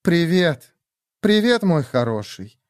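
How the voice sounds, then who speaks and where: A man's voice: on the high side, big pitch swings, no echo, clean studio sound, pitched above the performer's own voice. A man voicing a brash, nervous young woman who turns crude and angry, in a read-aloud story. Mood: nervous teasing. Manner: mocking, crude, quick to anger.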